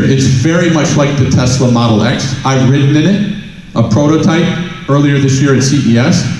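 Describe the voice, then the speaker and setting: A middle-aged keynote speaker in a big conference hall uses a headset mic to share stories and ask rhetorical questions. He has a fairly high, slightly mellow voice, heard amid heavy echo.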